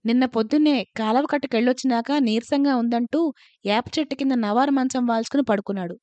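A woman voicing a village mother who has just lost her husband, speaking slowly through tears. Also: fairly high pitch, warm tone, no room sound, highs cut off, lightly acted. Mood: tearful. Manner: tearful, slow. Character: grieving village mother, widow.

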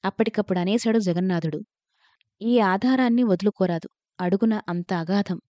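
A woman narrating a literary story in a measured, reflective reading. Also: medium pitch, dark tone. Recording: dull lo-fi, dry recording.

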